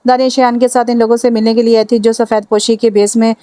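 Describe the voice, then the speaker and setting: Smooth, flat-voiced woman reading a novel. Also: a little high, quick pace, dry recording. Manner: steady, even reading. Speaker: novel narrator. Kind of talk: reading a romance novel aloud.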